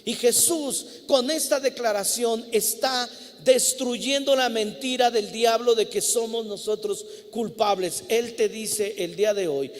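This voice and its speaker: A man's voice: very high-pitched, unhurried, hardly any pauses, big-room sound. A man with a Mexican Spanish accent preaching a sermon as pastor, retelling scripture stories with vivid, acted-out dialogue and emphatic moments. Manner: storytelling, acting out biblical dialogue with lively emphasis. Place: church sanctuary.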